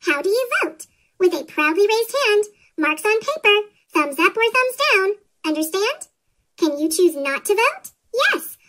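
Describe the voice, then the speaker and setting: A squeaky cartoon chipmunk voice, made with a pitched-up effect, reading a rhyming children's storybook aloud in a bouncy sing-song way. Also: a bit bright. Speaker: story narrator. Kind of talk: scripted children's storybook read-aloud in rhyme.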